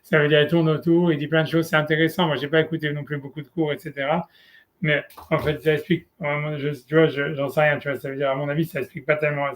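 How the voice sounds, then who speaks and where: A male rabbi gives an informal one-on-one Torah lesson in French, speaking fast in a slightly high, level voice. He's casual and hesitant, full of fillers and "tu vois," and mixes in Hebrew terms.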